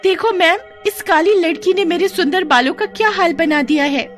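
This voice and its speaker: A woman voicing a spoiled, haughty schoolgirl bully who sneers and mocks in a shrill voice. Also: moderate pace, soft background music. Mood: sneering.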